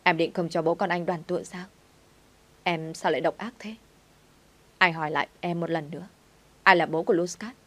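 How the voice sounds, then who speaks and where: Lady voicing an insistent young guy who pleads, lowish voice, storybook read. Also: fairly even intonation, normal speed, pauses often, fairly bright tone. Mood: pleading. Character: pleading young man, devoted father.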